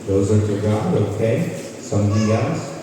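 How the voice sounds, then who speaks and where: Crowd noise fills an echoey hall as a Croatian kirtan leader delivers a relaxed spiritual talk, turning questions to his live audience. He has a fairly low voice with lively intonation and an unhurried pace, picked up from far away.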